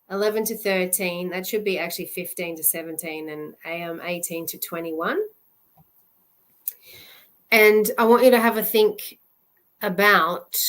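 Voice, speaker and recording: Woman, love coach, earnest, halting delivery, restarts sentences, live teaching session. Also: mid-range voice, a bit bright.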